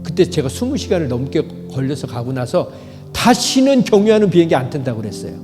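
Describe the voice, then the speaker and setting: A man preaching a sermon as pastor, swinging from loud, impassioned calls to quiet storytelling. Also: fairly high pitch, sing-song, a little fast, in a large hall, soft background music. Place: church sanctuary.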